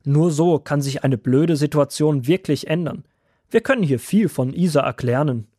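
A man's voice: fairly high pitch, moderate pace, warm tone, husky, dry recording, clean studio sound. A man voicing an old grandfather woodworm who patiently explains things to his grandchildren in a children's audio drama. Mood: gentle.

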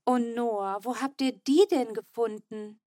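A woman's voice: a little high, fairly even intonation, a little slow, dry recording, clean studio sound, lightly acted. A woman reading a tender, touched mother. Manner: soft, touched. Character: tender, emotional mother of the family.

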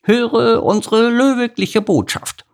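A man's voice: very high-pitched, slow pace, gravelly, voice pushed up, heavily acted. A man voicing a haughty, bossy female predator animal in a children's audiobook. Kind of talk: audiobook character voice.

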